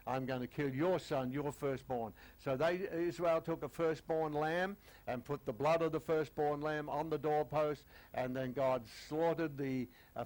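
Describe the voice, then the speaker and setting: This is an older man giving a Bible teaching, his voice sitting a little high for a man and slightly croaky. He speaks in a loose, conversational way, full of fillers and restarts. He slows down deliberately to read the scripture. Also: poor audio. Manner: conversational, many fillers, reads scripture slowly. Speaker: preacher. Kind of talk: sermon teaching.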